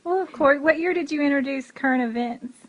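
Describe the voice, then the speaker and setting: A woman's voice: high-pitched, a little fast. A woman in her forties, chatting casually as an interviewer. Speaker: interviewer, former student. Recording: slightly dull, lo-fi sound.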